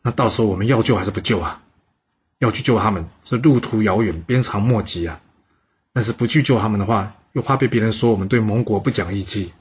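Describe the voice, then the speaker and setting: A man voicing a shrewd, calculating chief minister who advises in a measured, persuasive way, in a husky voice on a dull recording. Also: on the low side. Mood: advising.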